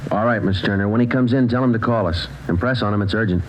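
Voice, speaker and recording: A businesslike American police sergeant acted by a man from an old radio drama. His voice sits low and he talks fast, in clipped, deadpan sentences. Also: slight background noise, close to an everyday voice, low-quality recording. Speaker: lead actor and narrator. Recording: old 1940s radio recording.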